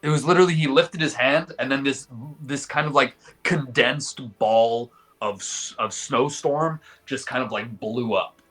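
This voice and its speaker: A man's voice: medium pitch, measured pace, few pauses, a bit bright, faint music behind. A man narrating a tabletop game as game master, improvising vivid descriptions in colloquial language.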